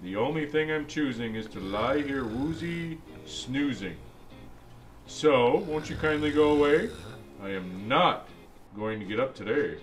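This storybook read-aloud features a man as a jolly old Santa, exclaiming and chatting between lines as he shares a picture book with kids. His mid-range voice is expressive and unhurried, only lightly acted, and the mood stays playful yet insistent over background music.

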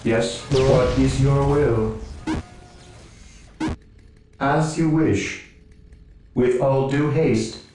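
A man voicing an obedient cyborg servitor in a video game, his voice processed to sound booming and metallic, answering in slow, flat, dutiful lines. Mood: mechanical obedience. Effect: metallic robotic processing. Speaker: game unit voice. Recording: echoey, distant, game music behind.

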